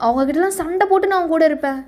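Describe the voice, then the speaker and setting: A woman voicing a gentle, loving young husband who soothes his pregnant wife in a fan audio drama, with soft music behind. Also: very high voice, very fast. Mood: reassuring. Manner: soothing, reassuring.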